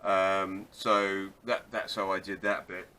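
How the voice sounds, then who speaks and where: A low-pitched man talks slowly in a level but sharp tone, with slight background noise, while restoring an old car. His casual workshop how-to vlog rambles, with frequent restarts and wry, self-deprecating asides.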